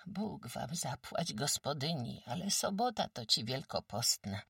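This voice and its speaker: A woman's voice: very deep voice, big pitch swings, unhurried, creaky, a bit bright, husky, dry recording, clean studio sound, distant mic, voice pushed up, exaggerated voice. A woman voicing a frail, sick old peasant woman who talks weakly and apologetically in rustic speech. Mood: meek, grateful.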